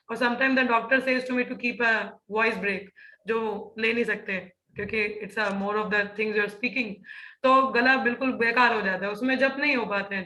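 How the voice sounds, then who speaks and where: A woman gives a class lecture, her voice bright and forward. She explains step by step, checking in with her students as she goes, and her voice rings in an echoey room. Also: on the high side. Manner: explanatory, many "ठीक है" check-ins. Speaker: teacher of a scripture class. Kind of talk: class lecture mixing Hindi and English.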